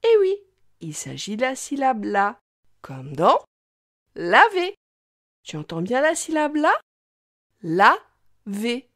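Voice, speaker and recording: Woman, children's reading teacher; slightly high voice, exaggerated and slow, dry studio sound. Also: wildly swooping pitch, dry recording. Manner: slow, sing-song, exaggerated for young kids.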